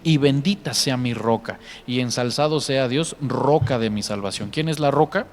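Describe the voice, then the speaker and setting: A man in an earnest conversation about faith, telling stories and acting out the voices of the people in them. His voice sits at an ordinary middle pitch. A faint hiss of background noise runs under the recording. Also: normal speed. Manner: earnest storytelling, acting out quoted dialogue. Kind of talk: religious podcast conversation, telling testimonies.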